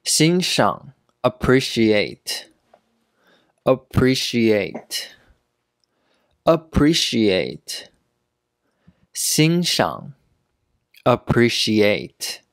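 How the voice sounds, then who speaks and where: A man's voice: medium pitch, sing-song, gravelly, no room sound. Male English teacher, repeats each phrase, dry close-mic sound. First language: Chinese. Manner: repeats each word and sentence several times, slow and deliberate. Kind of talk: slow repeated pronunciation drills.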